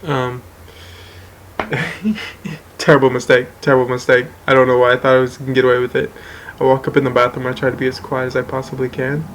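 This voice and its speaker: A man's voice: medium pitch, flat delivery, brisk, a little hiss or hum, poor audio. Rambling man telling a story over gameplay. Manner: rambling, profane, keeps saying "and whatnot". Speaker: gaming video host.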